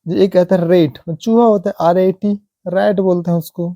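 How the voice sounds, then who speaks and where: A man teaching English pronunciation, repeating example words slowly and asking rhetorical questions. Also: sits high, steady tone, dark tone, no room sound. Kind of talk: slow classroom explanation.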